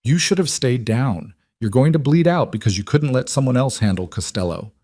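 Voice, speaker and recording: A man's voice: mid-range voice, expressive, normal speed, warm tone, no echo, studio quality, pitched above the performer's own voice, close to an everyday voice. A man voicing a frightened young female graduate student, pleading and shaken.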